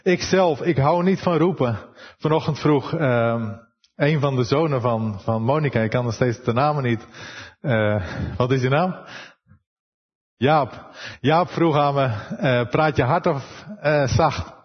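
A Dutch man preaching a sermon, soft-spoken and unhurried, pausing and searching for words as he goes. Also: mid-range voice, slightly rough, long reverb tail, dull audio. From Netherlands.

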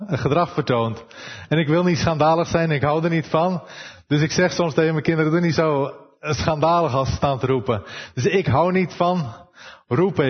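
Soft-spoken Dutch preacher in a reverberant hall. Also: male voice, on the high side, highs cut off. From Netherlands. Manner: soft-spoken, unhurried, with pauses and hesitations. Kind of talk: sermon.

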